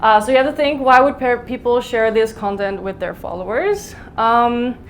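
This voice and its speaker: A woman giving a live conference talk, speaking fast and chatty with lots of "like" and "um" fillers. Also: fairly high pitch, a little hiss or hum. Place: conference hall in Mumbai.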